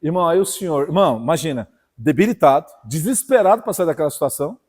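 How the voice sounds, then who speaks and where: Brazilian São Paulo preacher, man, high tenor, swings hushed to loud, long church reverb. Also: lively intonation, quick pace. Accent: Brazilian Portuguese, São Paulo. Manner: fiery, swings from hushed to loud, keeps calling "irmão". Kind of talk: sermon. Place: church hall.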